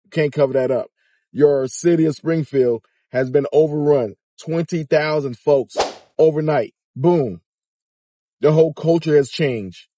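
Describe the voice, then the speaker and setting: A man's voice: on the high side, a little slow, mellow, a little hiss or hum. A middle-aged man giving informal commentary in a car, emphatic and challenging, with incredulous rhetorical questions. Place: inside a car.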